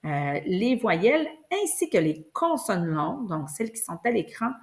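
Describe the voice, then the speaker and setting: A woman's voice: medium pitch, big pitch swings, a little slow. A woman preschool teacher, patiently explaining to parents and stretching out sounds in words to demonstrate them. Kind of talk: instructional video for parents.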